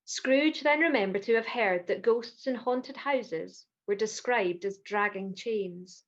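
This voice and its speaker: A woman's voice: medium pitch, takes it slowly. A woman reading scripted radio-play narration over a video call. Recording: slightly dull video-call audio.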